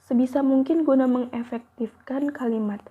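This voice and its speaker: Young woman reading class notes, kinda husky, tinny phone-like sound, bit high. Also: fairly even intonation, normal speed. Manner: careful, evenly paced reading with small slips. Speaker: university student presenter. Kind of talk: reading a lesson aloud.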